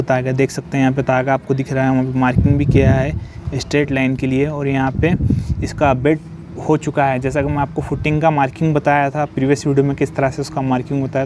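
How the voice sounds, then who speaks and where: Amid a noisy background, a medium-pitched man walks an outdoor construction site and films on his phone. He gives a repetitive, explanatory walkthrough of the work, slipping in English technical terms.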